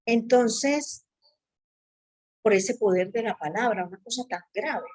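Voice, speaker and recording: A woman giving an earnest personal faith testimony, acting out her own remembered thoughts with sudden jumps in pitch. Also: unhurried, a little mellow, low-quality recording.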